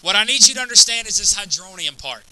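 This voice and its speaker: A man's voice: sits high, lively intonation, quick pace, pushed and bright, a little hiss or hum, rough recording. A man teaching a chemistry class, lecturing and constantly checking in with students by asking "right?" and "okay?".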